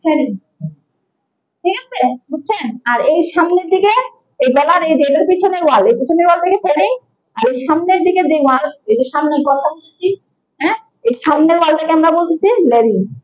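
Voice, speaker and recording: Lecturing as a medical instructor, this young woman with a Bangladeshi Bengali accent patiently walks students through the material, poses questions and repeats important terms. She speaks fairly quickly in a very high, animated voice, though the audio sounds dull.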